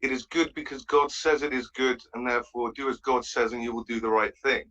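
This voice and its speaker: A man from the Netherlands calling in, speaking haltingly, with many pauses and restarts. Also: medium pitch, steady tone, a bit bright. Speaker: caller. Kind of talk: casual call-in chat. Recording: dull lo-fi call audio.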